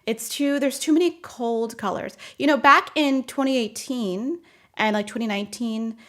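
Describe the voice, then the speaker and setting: A woman's voice: fairly high pitch, normal speed, a bit bright. Chatty woman rambling with frequent laughs. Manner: chatty and rambling, laughs often, answers viewers' comments. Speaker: streamer chatting with viewers. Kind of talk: casual live chat. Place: home office.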